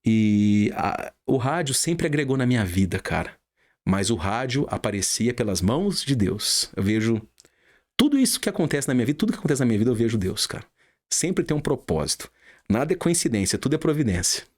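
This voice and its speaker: A man's voice: mid-range voice, very animated, a little fast, a little mellow. A middle-aged Brazilian man, a radio announcer, telling his story in a casual interview with an emphatic, heartfelt manner and a Brazilian Portuguese accent.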